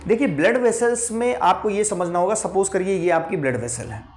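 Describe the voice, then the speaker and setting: A man's voice: high-pitched, fairly quick, darkish tone. A man teaching pharmacology at a whiteboard, mixing English terms into his lecture, asking questions and answering them himself, and repeating key points. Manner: mixes English terms into Hindi.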